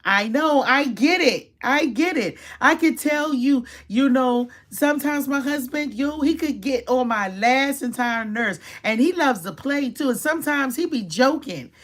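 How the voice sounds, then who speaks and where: A middle-aged woman, giving casual relationship advice to viewers in an animated, preachy way and acting out quoted scenes. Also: sits high, a little slow, hardly any pauses.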